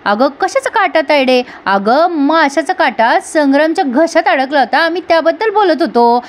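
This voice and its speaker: Sly scheming woman, voiced by a woman, mock-innocent, high. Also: lively intonation, normal speed. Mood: wheedling.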